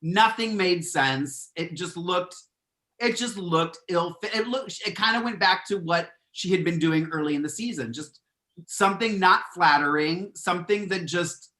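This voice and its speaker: A host on a recap panel, frank and blunt, reading out viewer comments. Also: male voice, high voice, moderate pace, bright, forceful tone. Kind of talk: casual recap chat.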